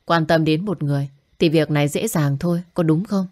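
An earnest young man, devoted and gently teasing, as a woman narrator reads his messages. Low for a woman, with no real change from her everyday reading voice. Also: fairly quick, natural voice.

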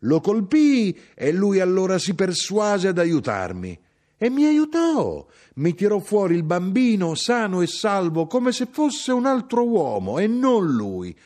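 A man reading aloud voices an older Sicilian mother who is brisk, proud and sharp-tongued, lifting his voice for her. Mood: proud, emphatic. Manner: animated, raised pitch for the mother's lines.

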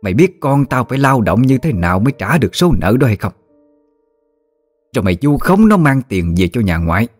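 A fierce old grandmother, voiced by a male storyteller lashes out in a harsh, accusing tirade. Her pitch swings widely as she scolds, and soft music plays under the storybook reading. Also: sing-song, a little fast. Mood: scolding.

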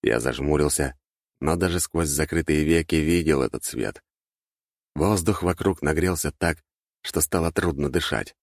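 Low gravelly male narrator. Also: moderate pace, dry recording, studio quality. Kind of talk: audiobook fantasy narration.

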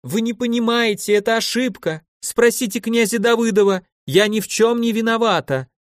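Man putting on a shrill panicked lady prisoner. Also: moderate pace, no echo, clean studio sound, natural voice. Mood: pleading. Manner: shrill, pleading. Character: panicked young woman prisoner chained in a cell.

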